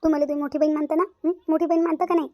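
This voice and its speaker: A woman's voice: high voice, flat delivery, rapid-fire, dry recording, lo-fi sound, natural voice. A woman voicing a devoted younger sister-in-law in a cartoon, earnest and insistent. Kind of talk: cartoon voice acting.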